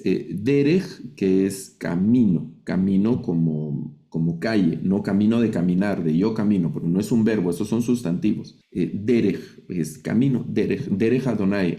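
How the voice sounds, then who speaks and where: A man teaching a language lesson, explaining reading rules patiently and repeating example words slowly. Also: deep voice, warm tone. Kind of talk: Biblical Hebrew reading lesson.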